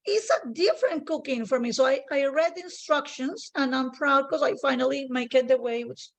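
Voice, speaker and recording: A woman's voice: high voice, brisk, vocal fry. A native Spanish-speaking woman with a Colombian accent hosts a casual cooking demonstration, chatting informally and repeating phrases for emphasis. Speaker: cooking show host, home cook.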